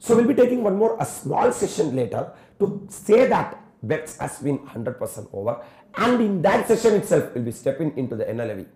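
A man with a South Indian Tamil accent lectures a class at a very rapid clip, his pitch swinging in a lively way. He sounds like an exhorting coach, recorded in a roomy, echoing space. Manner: exhortatory, with repeated "sir" and stock addresses to students. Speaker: tax exam coaching teacher. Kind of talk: animated classroom lecture, switching between languages.

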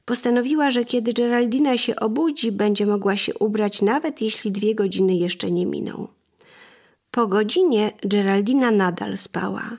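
A woman narrating an audiobook chapter in an even, measured storytelling manner. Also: mid-range voice. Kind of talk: scripted narration.

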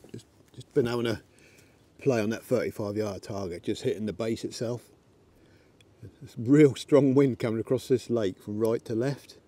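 A middle-aged Englishman with a medium-pitched, dark voice chats casually in a windy field, shooting an air rifle and talking to his dogs. The camera sits on a tripod at first, then goes handheld.

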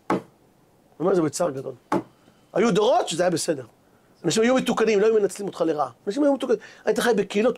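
Rabbi guy preaching, husky high voice that swings all over, acts out the dialogue. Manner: animated storyteller acting out dialogue. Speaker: rabbi giving a Torah lesson. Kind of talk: Hebrew sermon with stories.

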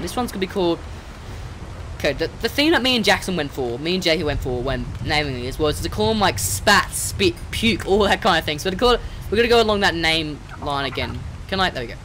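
A host giving let's-play game commentary, excitable, scolding and coaxing the animals on screen, recorded at a desk mic. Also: mid-range voice, fast talker, slight background noise. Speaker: gaming channel host. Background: game music.

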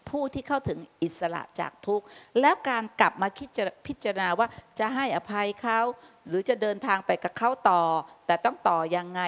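A woman's voice: mid-range voice, expressive, a little fast, few pauses. Thai woman teaching dharma, hall reverb. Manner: gentle, teaching, folksy examples. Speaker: Buddhist teacher answering listener questions. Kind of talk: live radio dharma talk.

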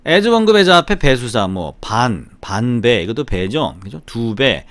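A man's voice: mid-range voice, very animated, a little slow, fairly bright tone, dry recording. A middle-aged man from Gyeongsang with a slight Gyeongsang accent, teaching English grammar in a chatty way and often asking "right?". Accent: slight Gyeongsang Korean, mostly Seoul-like. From Gyeongsang, South Korea. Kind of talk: grammar lesson with repeat-after-me drills.

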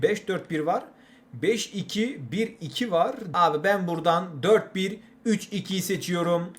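A young man hosting a gaming channel, giving chatty, exasperated commentary while playing a football game. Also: high-pitched. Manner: exasperated, chatty, keeps repeating catchphrases.

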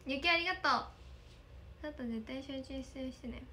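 A woman's voice: high voice, moderate pace, pushed and bright, a little hiss or hum. A young woman in a casual livestream, reading viewer comments, thanking them often and giggling. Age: young adult. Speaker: idol livestreamer. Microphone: phone camera.

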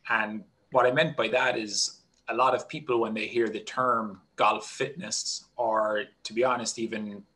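Irish man in his thirties, lowish voice, steady explanatory manner, headset video call, small home room. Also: unhurried, low-quality recording. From Ireland. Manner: steady explanatory talk with many "kind of" fillers. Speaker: golf strength and conditioning coach.

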